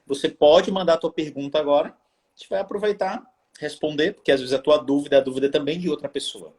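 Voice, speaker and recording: A Brazilian man co-hosts a live stream and reads the viewers' questions aloud. His voice is a little high for a man. He sounds upbeat and friendly as he greets people by name. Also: fast talker, a little mellow. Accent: Brazilian Portuguese.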